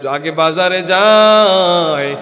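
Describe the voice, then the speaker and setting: Male Bangladeshi Islamic preacher, high-pitched and unhurried, melodic chanted delivery with loud exhorting peaks, very echoey. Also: soft background music. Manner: exhorting, prompting listeners for responses, swinging into loud cries. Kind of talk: chanted, melodic waz sermon. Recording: echoey PA with long reverb.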